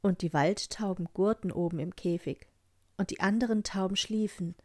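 A woman reading a fairy tale aloud in a calm, even storytelling manner. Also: medium pitch, moderate pace.

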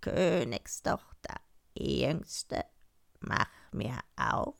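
Woman as storybook frog: very slow, deep, gravelly croak, pleading. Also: animated, exaggerated voice. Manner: drawn-out, croaky, ends lines with quacks.

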